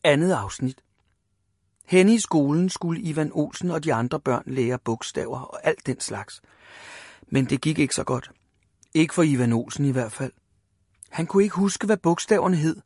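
A man reading a children's story aloud, lively and voicing the characters. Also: on the high side, no room sound, studio quality.

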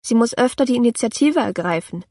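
A woman's voice: a little high, lively intonation, brisk, dark tone, breathy edge, no echo, studio quality, recorded from a distance, pitched above the performer's own voice. A woman reading the lines of a strict, critical schoolteacher in a storybook.

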